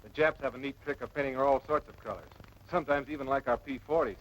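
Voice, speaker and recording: In a 1940s military training film, an actor plays a seasoned, patient air force officer giving measured, authoritative and cautionary instruction. His natural male voice is mid-range and fairly bright, heard through a noisy, dull vintage film soundtrack.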